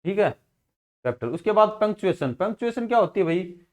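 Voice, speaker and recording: A man's voice: high-pitched, very animated, fairly quick. A man with a Haryanvi Hindi accent teaching a school class, asking questions and then answering them himself. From India. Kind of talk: classroom grammar lesson.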